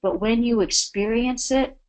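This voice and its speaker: A woman's voice: a little high, fairly even intonation, a little slow, a little mellow, rough recording. A woman giving a spiritual talk as a webinar guest, earnest and devotional. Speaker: guest speaker.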